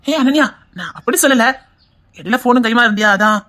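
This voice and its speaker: A woman with a Tirunelveli Tamil accent voicing a gentle young man who speaks softly and apologetically. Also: on the high side, lively intonation, fairly quick. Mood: polite. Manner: soft, polite, apologetic.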